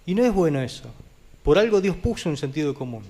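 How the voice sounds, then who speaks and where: A man preaching a sermon as pastor, talking vehemently and putting questions to the congregation, with sudden swings from loud high peaks to quiet low drops. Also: very animated, a little fast. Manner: addresses the congregation directly with questions. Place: church.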